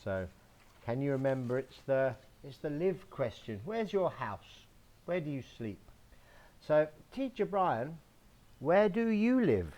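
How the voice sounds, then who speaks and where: A man from England teaching a slow English lesson to young children, spelling words letter by letter, recorded outdoors in a home garden. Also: fairly high pitch, very animated, a little mellow.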